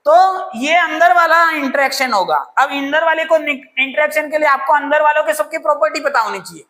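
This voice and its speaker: Here a woman lectures on chemistry in a high, fairly quick voice with a bit of brightness. She asks questions, then answers them herself, and sprinkles in homely examples and playful asides.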